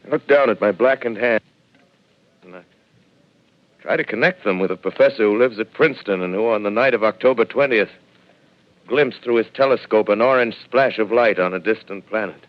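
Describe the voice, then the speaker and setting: Haunted lone professor, very deep voice, grave and measured, muffled AM radio sound. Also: male voice. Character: lone male professor surviving an alien invasion, shaken and weary. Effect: old AM radio broadcast sound. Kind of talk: 1930s radio drama narration. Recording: muffled 1930s AM radio broadcast.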